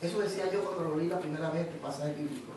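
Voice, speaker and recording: A Panamanian man preaching a sermon in an animated storytelling way, repeating words as he goes. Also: a little high, racing, very echoey, recorded from a distance, slight background noise, low-quality recording. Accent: Panamanian Spanish.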